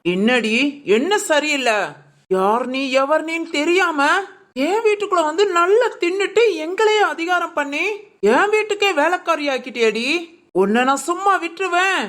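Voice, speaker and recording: A woman's voice: very high voice, animated, moderate pace, a bit bright. A woman voicing a domineering, scheming village mother-in-law who scolds and gives orders in a family drama. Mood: furious scolding.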